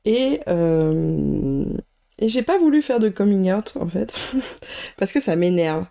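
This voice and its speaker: A woman hosts a podcast, recounting her own story in a thoughtful, halting monologue. Her voice has a soft gravelly fry and a warm, darker tone. She pauses often with filler sounds as she gathers her thoughts. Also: on the low side, sing-song. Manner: reflective, hesitant, with frequent filler sounds. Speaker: podcast host.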